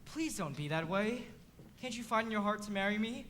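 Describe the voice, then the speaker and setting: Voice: medium pitch, animated, a little fast, a bit bright, a little hiss or hum, natural voice. A young actor playing an earnest, lovesick groom who pleads in a stage musical. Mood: pleading.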